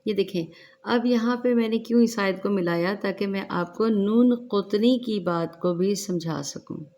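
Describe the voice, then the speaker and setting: In a tajweed lesson, a woman teaches Quran recitation, explaining each rule slowly and deliberately between drawn-out recited words. Her mid-range voice is a little mellow, with soft music playing in the background.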